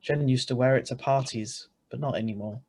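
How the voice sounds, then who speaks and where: A man with a medium-pitched, darkish, slightly rough voice reads briskly over a video call. He plays an everyday, easily flustered husband who narrates his own tale in an old-time radio play, telling it wryly in the manner of 1940s radio acting.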